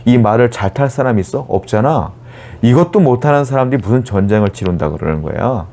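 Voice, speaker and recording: A man's voice: fairly low pitch, expressive, brisk, dark tone. A pastor acting out an arrogant enemy commander who mocks and taunts his foes. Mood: taunting. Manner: sneering, mocking.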